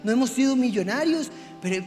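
A man preaching a sermon to his congregation, swinging from hushed confession to shouting. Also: extremely high pitch, animated, a little fast. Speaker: pastor. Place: church hall. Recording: reverberant hall with faint music.

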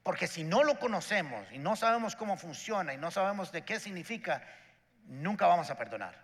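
A man's voice: sits high, big pitch swings, a little fast, long reverb tail. A man, preaching a sermon as a pastor and acting out the characters in his story.

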